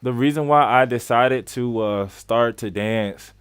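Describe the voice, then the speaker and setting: A man's voice: medium pitch, a little slow, clear, resonant tone, no room sound, studio quality. A man in his late twenties hosting a casual live-stream Q&A as a skate coach, chatty and repeating phrases for emphasis as he greets viewers. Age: 20s. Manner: greets viewers by name mid-flow.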